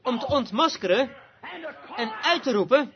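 A man preaches a fiery sermon in a high voice that swoops widely up and down. He speaks with passion and breaks into shouts. The recording is dull and lo-fi, with a crowd behind him. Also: animated, normal speed. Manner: impassioned, rising to shouts.

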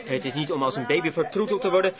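A man's voice: fairly high pitch, very fast, crowd noise. A man preaching a sermon with fervent, emphatic exhortations. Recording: dull lo-fi recording with congregation audible.

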